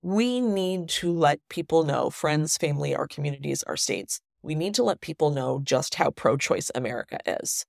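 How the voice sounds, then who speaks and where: Woman host on a low-quality recording. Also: expressive, moderate pace, vocal fry, hardly any pauses, darkish tone, dry recording, clean studio sound. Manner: earnest, emphatic, repeats words for stress. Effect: low-quality audio recorded without her usual microphone. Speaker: podcast host and newsletter writer. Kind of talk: solo news commentary. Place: family home, indoors.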